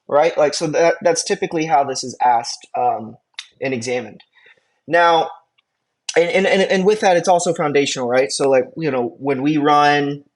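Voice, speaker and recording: Casual young male lecturer, higher voice. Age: 20s. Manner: casual, filler-heavy explaining with frequent "you know" and "right". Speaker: EMT instructor. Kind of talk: recorded lecture.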